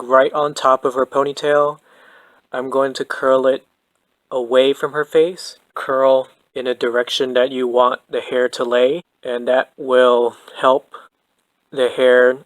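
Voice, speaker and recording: Man, tutorial voice-over, very even monotone delivery, dry close sound. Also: mid-range voice, no echo, rough recording. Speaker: doll hair tutorial host. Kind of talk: calm instructional voice-over.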